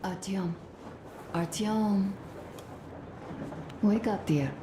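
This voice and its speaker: Tender, slow-speaking young wife. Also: female voice, mid-range voice. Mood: gentle sympathy. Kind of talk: video game dialogue. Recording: echoey with clear background noise.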